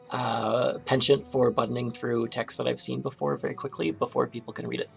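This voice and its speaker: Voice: mid-range voice, gravelly. A game developer hosting a live stream in a casual, chatty style.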